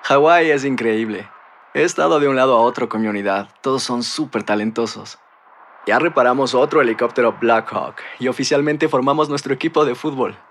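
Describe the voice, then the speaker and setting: Radio ad: upbeat young soldier, played by a man, conversational message to mom, medium pitch, light background noise. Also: a little fast, fairly bright tone, lightly acted. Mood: cheerful, affectionate. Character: upbeat young soldier phoning his mother. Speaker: actor in army recruitment ad. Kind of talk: scripted conversational ad.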